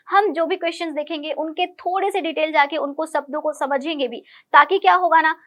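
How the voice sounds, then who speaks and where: High-pitched woman teaching exam English. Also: bright, forceful tone. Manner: patient, explanatory, repeats key words. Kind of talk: online lesson, explaining MCQs.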